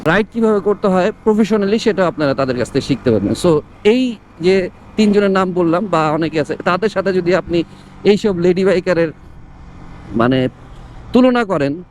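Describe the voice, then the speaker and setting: A man's voice: high-pitched, animated, moderate pace, pauses often, darkish tone. A man with a Bangladeshi accent giving casual opinion commentary to his viewers as a motovlogger, mixing English words into his talk, speaking from inside a helmet. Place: outdoors on the road, talking from inside a helmet. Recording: outdoor traffic and vehicle noise.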